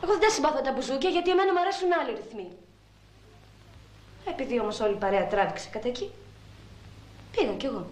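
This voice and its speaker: A woman's voice: sits high, lively intonation, pauses often, echoey room. An actress playing a young woman who answers police questions hesitantly and evasively. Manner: hesitant, evasive, explains herself. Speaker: witness under questioning.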